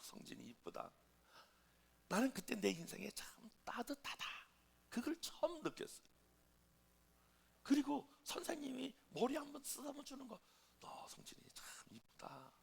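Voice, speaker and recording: A middle-aged man preaching a sermon as a pastor, telling stories and acting out voices, shifting between shouts and whispers. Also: sits high, creaky, slightly rough. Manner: animated storytelling, acting out quoted voices, shouting then whispering. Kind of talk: sermon with storytelling. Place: church sanctuary.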